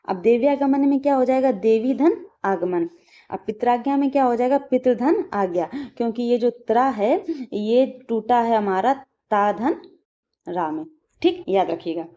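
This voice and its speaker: A woman teaching a grammar lesson for exam preparation, patient and repetitive, drilling examples slowly and checking in often. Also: fairly high pitch, expressive, mellow, dull audio.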